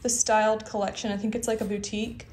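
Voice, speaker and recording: A woman's voice: mid-range voice, flat delivery, fast talker, a little mellow, a little hiss or hum. A woman, chatting casually and rambling as she films a tour of her own house on a handheld phone. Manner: chatty, rambling, self-deprecating, trails off and restarts. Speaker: lifestyle vlogger. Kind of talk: casual home-tour chat. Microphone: phone camera on a handheld stick.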